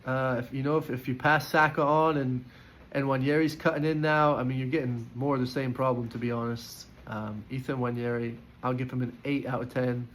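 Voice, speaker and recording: Man, casual football reaction, opinionated, rambling with fillers, mid pitch, faint background hiss. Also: steady tone, a little fast, few pauses, fairly bright tone, low-quality recording. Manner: chatty, opinionated, lots of fillers and restarts. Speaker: football fan giving player ratings. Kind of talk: casual post-match reaction.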